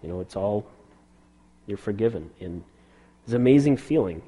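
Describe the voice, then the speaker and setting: A middle-aged man telling a personal testimony in an earnest, halting way, with many restarts and fillers. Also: fairly low pitch, animated, mellow, slightly rough. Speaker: speaker sharing a conversion testimony.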